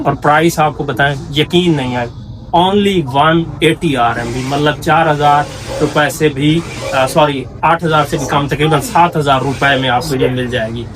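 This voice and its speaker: A young man vlogging casually from inside an indoor trade center, pitching gadgets with eager, salesman-like enthusiasm. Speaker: travel vlogger. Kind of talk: casual promotional walkthrough.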